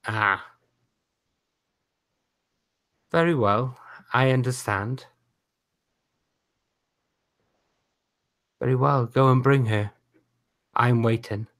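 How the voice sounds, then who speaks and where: A man voicing an imperious male figure who speaks slowly and gives commands. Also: mid-range voice, a bit bright. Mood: commanding.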